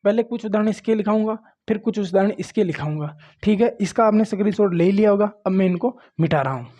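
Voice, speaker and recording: Mellow-voiced grammar teacher, man. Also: sits high, quick pace. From Rajasthan. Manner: repeats "देखो" and "ठीक है", coaxing and plain. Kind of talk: classroom lecture at a board.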